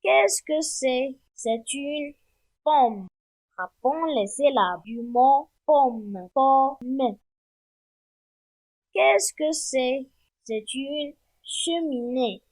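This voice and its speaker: A woman giving a primary-school phonics lesson, with slow, clear, repeated instructions for children. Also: sits high, expressive, darkish tone. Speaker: teacher.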